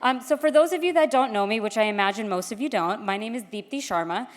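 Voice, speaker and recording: A woman's voice: a little high, expressive, quick pace. A woman from Queens speaks at a gala podium. She is candid and self-deprecating, with an informal way of addressing the room. Her voice rings through a large, echoey hall. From Queens, New York. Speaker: gala speaker introducing an honoree. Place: large indoor event hall, public address. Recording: echoey hall with long reverb.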